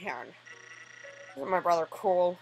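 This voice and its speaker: A laid-back, joking skeleton man from a video game, played by a woman gamer, talking slowly and low-key. Faint game music runs behind the voice. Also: lively intonation, gravelly, exaggerated voice, low-quality recording. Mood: easygoing.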